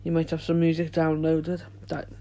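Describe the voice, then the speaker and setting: Even-toned man hosting a podcast. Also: on the high side. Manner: informal, halting, unpolished. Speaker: podcast host. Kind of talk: casual solo podcast chat.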